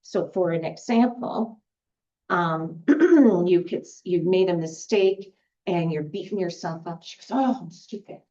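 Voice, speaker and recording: Gentle woman guiding a skills lesson. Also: lowish voice, unhurried. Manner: gentle, guiding, with fillers and restarts. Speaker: group facilitator. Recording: dull lo-fi recording.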